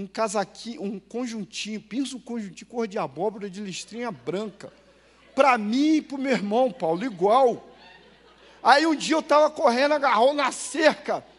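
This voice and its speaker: A Brazilian man preaching a sermon as pastor in a church, telling stories, asking the congregation questions and swinging between loud and hushed. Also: sits high. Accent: Brazilian Portuguese.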